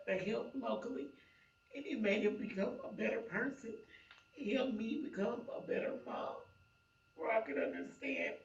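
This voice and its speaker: Creaky-voiced woman, echoey and distant. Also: fairly high pitch. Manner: earnest, halting, with many fillers. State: emotional, close to tears. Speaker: family support specialist. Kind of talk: recorded interview in a video. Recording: echoey, muffled, mic at a distance.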